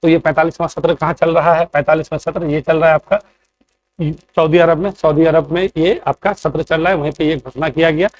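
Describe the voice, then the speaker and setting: Guy teaching exam prep, fairly high voice, keeps asking questions then answering them. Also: fairly even intonation, brisk, slight background noise. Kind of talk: classroom lecture.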